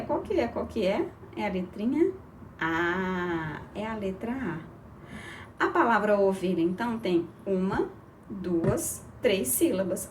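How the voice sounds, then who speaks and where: A woman teaching an early reading lesson to children, encouraging and spelling out syllables slowly. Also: a little high, darkish tone, distant mic, slight background noise.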